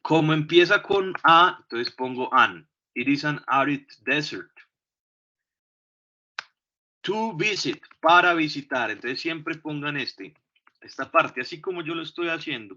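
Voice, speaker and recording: A man's voice: on the high side, lively intonation, moderate pace, sharp tone. A man with a Colombian Spanish accent teaching an English lesson, patiently explaining step by step and often checking in with his class. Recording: dull, lo-fi recording.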